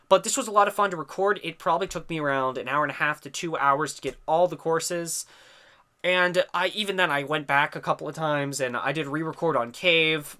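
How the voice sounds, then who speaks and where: A man's voice: a little high, sharp tone, smooth. A young man with a stuffy, congested voice giving chatty, explanatory commentary over gameplay footage. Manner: chatty, explanatory, trails off with "I don't know". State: stuffy from a sinus infection. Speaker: gaming commentator. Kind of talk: recorded game commentary.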